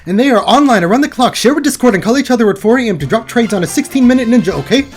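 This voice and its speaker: A woman's voice: a little high, lively intonation, rapid-fire, a little mellow, faint music behind. Wry woman streamer reading chat. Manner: wry, swears casually, reads chat. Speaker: host. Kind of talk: casual livestream commentary.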